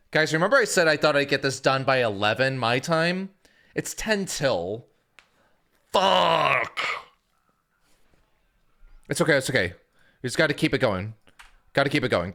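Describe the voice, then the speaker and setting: A man's voice: mid-range voice, fairly quick. A young man casually chatting to his live-stream audience, rambling loosely with lots of filler words. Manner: relaxed rambling with many "like" fillers.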